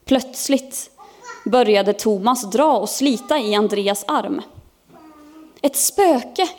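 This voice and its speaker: A woman pastor preaching in a church service, reading a children's Bible story aloud with expressive storytelling. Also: mid-range voice. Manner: expressive storytelling, lifting her voice for characters' cries.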